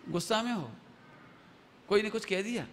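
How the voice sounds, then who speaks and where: A man's voice: sits high, normal speed, long reverb tail, noisy background, natural voice. Man doing a coaxing, questioning mother. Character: concerned mother questioning her grown child.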